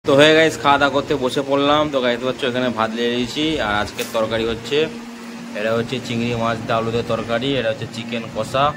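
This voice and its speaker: A man's voice: mid-range voice, steady tone, rapid-fire, echoey room, noisy background. A man talking casually to camera in a daily vlog, chatty and repetitive, with a sore throat. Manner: chatty, repeats subscribe requests. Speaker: vlogger.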